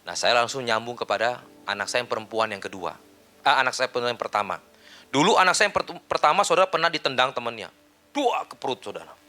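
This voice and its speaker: A middle-aged male pastor preaching a sermon, telling family stories with animated delivery that swings from loud outbursts to quiet asides. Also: mid-range voice, quick pace, faint music behind.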